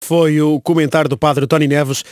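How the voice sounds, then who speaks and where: A man presenting a radio program, smoothly linking to music and the next guest. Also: a little high, level tone, moderate pace, darkish tone, no echo, studio quality.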